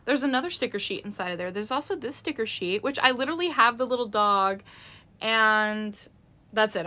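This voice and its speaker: A young woman chatting casually through a toy unboxing vlog, with many "um" fillers and bursts of excitement. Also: mid-range voice. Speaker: toy collector vlogger.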